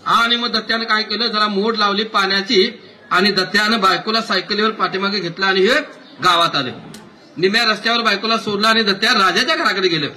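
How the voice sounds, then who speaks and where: Guy telling a funny folk story live, lively, talks to the crowd, very high bright voice. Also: brisk, far from the mic. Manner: lively, addresses listeners directly.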